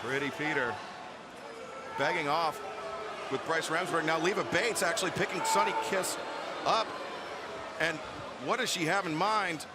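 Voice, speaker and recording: Guy calling a wrestling match live, high pitched voice, short punchy move calls, noisy arena with huge crowd. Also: measured pace, long pauses. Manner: calls moves in clipped phrases, exclaims at big moments. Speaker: play-by-play wrestling commentator. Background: loud crowd and arena slams.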